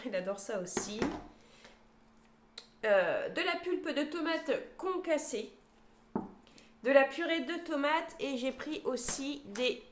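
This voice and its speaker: Her high-pitched voice echoes around the room, and there's a little hiss or hum. This woman, in her thirties, chats to a phone camera at home, listing her groceries item by item and hesitating often with fillers.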